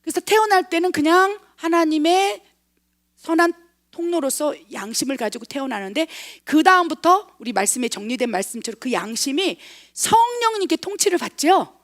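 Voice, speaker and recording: A middle-aged missionary pastor preaches in a high, bright voice with lively intonation at a normal speed. Her emphatic sermon leans on frequent rhetorical questions to the congregation. She swings between loud, forceful stresses and hushed asides that are almost whispers.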